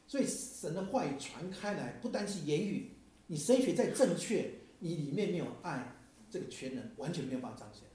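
A man's voice: fairly high pitch, animated, a little fast, dark tone. A man preaching a sermon, telling stories and asking the audience questions in a conversational way. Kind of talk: sermon with storytelling. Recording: very echoey hall sound.

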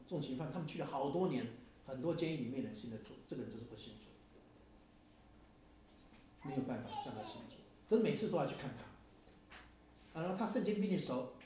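Warm-voiced male preacher in echoey hall. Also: medium pitch, slight background noise. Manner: conversational, asks the audience questions. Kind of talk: sermon with storytelling.

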